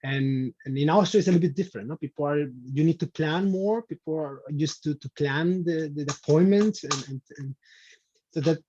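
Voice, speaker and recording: A man's voice: fairly high pitch, fairly quick, darkish tone, no echo, highs cut off. A man from Spain, a guest on an interview show, speaking casually with many restarts and fillers. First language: Spanish. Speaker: podcast guest.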